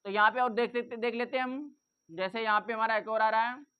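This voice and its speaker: Woman grammar teacher, somewhat high voice, drills points by repeating them and quizzing the class; muffled lo-fi recording. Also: fairly even intonation, brisk, clear, resonant tone. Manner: repeats points and asks rhetorical questions. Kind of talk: classroom-style lesson explained in Hindi. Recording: dull lo-fi recording.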